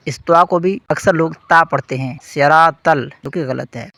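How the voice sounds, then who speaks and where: Guy teaching quran recitation, kinda high voice, breaks words down slow, dry close mic. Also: vocal fry, fairly bright tone, dry recording. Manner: corrects common mistakes, then recites words slowly and drawn out. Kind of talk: tajweed lesson, explaining and demonstrating recitation.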